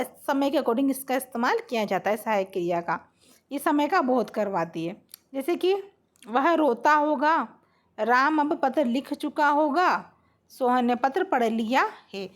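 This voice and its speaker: A woman teaching a Hindi grammar lesson, explaining each point step by step, repeating her examples and checking in with her students. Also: sits high.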